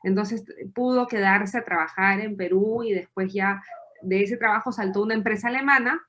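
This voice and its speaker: A woman's voice: medium pitch, normal speed. Chatty Peruvian woman in her thirties. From Peru. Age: 30s. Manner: lively, chatty, laughs while telling her story. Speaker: podcast guest. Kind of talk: casual interview storytelling.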